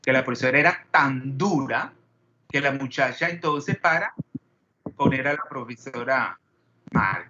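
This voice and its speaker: A man's voice: mid-range voice, measured pace, pauses often, sharp tone, highs cut off, slight background noise. A man teaching a chemistry class, peppering students with questions and wandering into digressions. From Panama. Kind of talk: classroom lecture.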